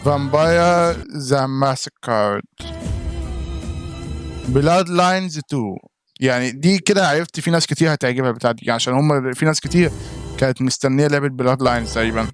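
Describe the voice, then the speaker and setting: A man's voice: medium pitch, fast talker, faint music behind. A man with an Egyptian Arabic accent giving casual reaction commentary on a gaming live stream, chatting straight to viewers in chat by name.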